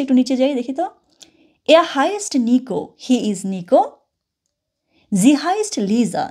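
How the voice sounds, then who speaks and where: A woman's voice: mid-range voice, dark tone. A woman teaching a language lesson over a screen share, chatty, slipping into English phrases and repeating words after the audio.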